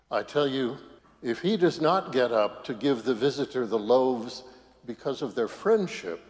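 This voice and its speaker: A clergyman reading the Gospel aloud at Mass in a solemn, measured way, his voice ringing with cathedral echo in a large church. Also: mid-range voice. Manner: measured, solemn, deliberate phrasing. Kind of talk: liturgical scripture reading. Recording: long cathedral reverb from a church.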